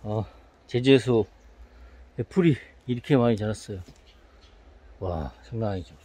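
Out in an overgrown yard, a man in his thirties films himself on a phone held at arm's length and narrates a casual, cheerful vlog directly to the camera. He has a lowish, mellow, husky voice and speaks at a measured pace.

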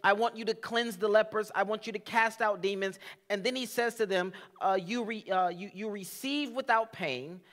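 A young man, a church pastor, teaching a sermon in a church sanctuary on a headset mic. He reads scripture slowly and says amen often. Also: sits high, fairly bright tone. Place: church sanctuary, drum kit behind.

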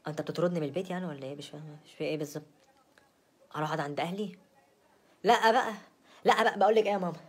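A woman's voice: sits low, steady tone, very fast, a little mellow, husky. A young woman with an Egyptian accent playing a brazen, spoiled young wife in a comedy sketch, rambling and stammering in a sassy way. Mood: indignant. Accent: Egyptian Arabic.

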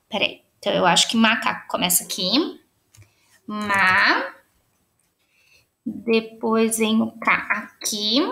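A woman with a Brazilian accent teaching young children remotely, cheerful and encouraging, sounding out syllables slowly. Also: on the high side, a bit bright, echoey room. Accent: Brazilian Portuguese. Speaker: primary school teacher.

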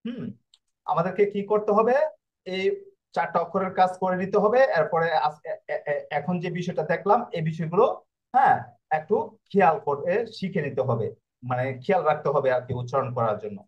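A man's voice: sits high, animated, a little fast, lo-fi sound. A man teaching Italian pronunciation in an online class. He explains in a repetitive way and keeps checking with his students.

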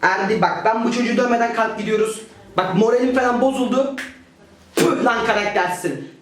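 A young man acting out comic school sketches in fast, slangy banter. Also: very high-pitched, very echoey, soft background music. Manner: rapid, slangy street banter. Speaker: comedy sketch creator.

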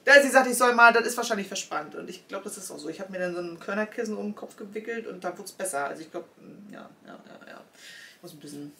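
A woman's voice: lowish voice, a bit bright. A woman hosts a casual podcast, telling stories chattily, acting out dialogue and often adding "ne?". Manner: chatty storyteller, acts out dialogue, frequent tag "ne?". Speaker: knitting podcast host. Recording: voice a bit distant from the mic.

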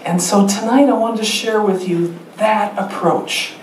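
A woman teacher educator giving a staged public talk, lively and emphatic, with rhetorical questions and light laughter. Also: mid-range voice, a little slow, slight background noise. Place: theater stage. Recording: roomy theater sound heard from a distance.

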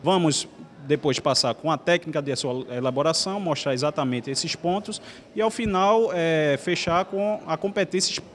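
A young man with a Brazilian Portuguese accent answers an interview question in a formal, careful way, pausing on fillers. His voice sits a bit high. He speaks close into a handheld mic in an indoor hallway. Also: fairly bright tone. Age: young adult. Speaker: legislative legal adviser. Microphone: handheld TV mic held close.

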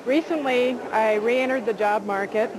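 A woman's voice: fairly high pitch, normal speed. A woman giving an unscripted personal testimonial as a customer. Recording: clearly noisy background ambience.

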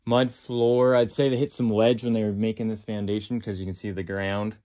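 A man with a lowish voice and moderate pace walks through an old stone basement as a real estate agent, filming on a handheld phone that moves with him. He's relaxed and plain-spoken, filling pauses as he thinks out loud.

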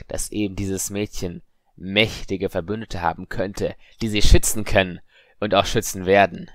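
A man voicing an eerie unseen voice that whispers and hisses its threats slowly and coldly. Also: sits low, no room sound. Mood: menacing. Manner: slow, hissing, quietly threatening.

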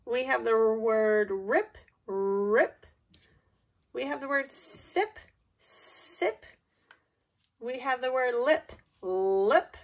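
A woman teacher giving a slow school dictation, speaking deliberately in simple instructions for young children and repeating words. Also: sits high, steady tone. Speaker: teacher giving a spelling test.

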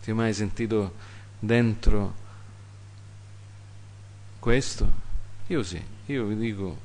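Guy preaching a sermon, slow and deliberate, keeps repeating lines, goes from loud and high to quiet and low. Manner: dramatic swings between loud high exhortation and quiet low asides; emphatic, repeats phrases for effect.

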